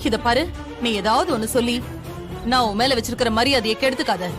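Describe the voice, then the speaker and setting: Actress doing a bossy harsh mother-in-law, a bit high, loud music behind. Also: brisk, lightly acted. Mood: stern. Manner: harsh, scolding, commanding. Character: stern domineering mother-in-law. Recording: TV serial with loud music under it.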